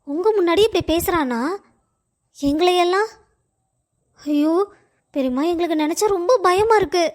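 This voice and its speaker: A woman's voice: extremely high pitch, normal speed. A woman voicing a scornful middle-aged mother-in-law who taunts and accuses. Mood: indignant.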